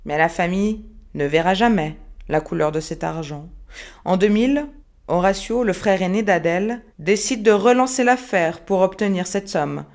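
A woman narrates a true-crime case in a measured, serious tone. She lets phrases hang with dramatic pauses, at a voice pitch typical for a woman. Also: a little mellow.

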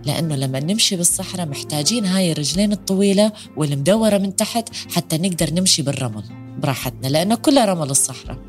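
A woman's voice: on the low side, animated, rapid-fire, soft background music, close to an everyday voice. A woman voicing a mother camel who patiently explains things to her child.

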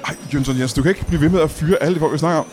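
A man's voice: on the high side, over loud music. A man hosting a mock interview in a comedy show, asking probing, faux-naive questions outdoors at a street market. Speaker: host and interviewer.

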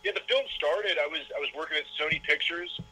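A man, a documentary filmmaker, telling his story in an interview with quick, stumbling restarts. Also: fairly high pitch, bright, forceful tone, slightly rough, poor audio. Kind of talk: casual interview talk.

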